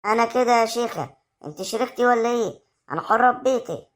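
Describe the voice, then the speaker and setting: In an amateur web drama, a woman with an Egyptian accent plays a domineering village mother scolding her son's wife. Her animated, rapid-fire voice stays close to an everyday one while she is shrill and confrontational.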